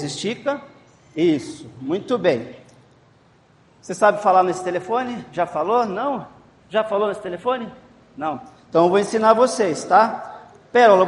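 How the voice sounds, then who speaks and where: Leading a game for a children's Bible class, a man with a high, gravelly voice encourages and coaxes the kids, going over instructions again and again. Faint background noise sits under the echoey room sound.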